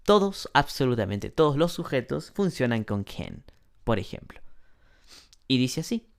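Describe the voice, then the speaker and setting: A male teacher gives an English lesson at an unhurried, careful pace. He lays out each rule step by step and pauses to clear his throat now and then. His pitch sits in a middle range for a man. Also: very animated. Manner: slow, deliberate explanations, often clears throat. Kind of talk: online class lesson.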